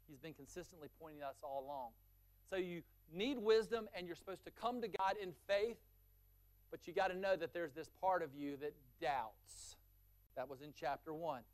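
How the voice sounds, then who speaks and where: In his sermon, a male pastor builds power by rolling through long lists, and he saves a low, quiet voice for the most important points.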